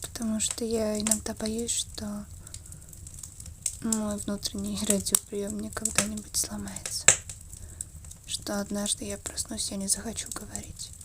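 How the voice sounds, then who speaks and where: A woman in an ASMR role-play as an affectionate, wistful girlfriend, murmuring slowly and intimately between a soft voice and a soft voice. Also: medium pitch, completely flat delivery, noisy background.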